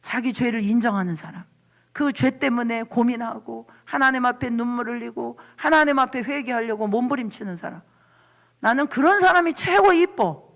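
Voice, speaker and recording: A woman's voice: a little high, moderate pace, gravelly, a bit bright. A woman evangelist preaching a church sermon in an impassioned, emotive way, moving between fervent pleading and conversational asides. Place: church service.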